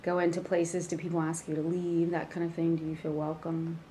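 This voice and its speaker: A woman's voice: sits low, completely flat delivery, fairly quick, mellow, poor audio. A woman interviewing someone, asking rambling questions she often restarts.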